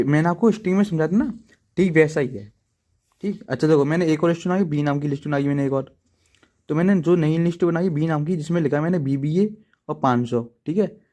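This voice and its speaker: A man explains programming step by step in a loose, chatty tutorial manner, stopping often to check in with his listeners. His voice sits slightly high but sounds dark and mellow. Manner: chatty, repeats "ठीक है दोस्तों" often; self-deprecating asides to viewers. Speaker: coding teacher. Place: at home writing in a notebook.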